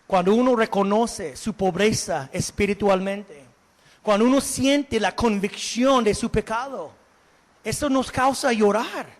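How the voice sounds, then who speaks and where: A male pastor preaching a sermon, animated, asking the congregation questions and slipping in English words. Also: sits high, a little slow. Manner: slips English words into Spanish. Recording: long hall reverb.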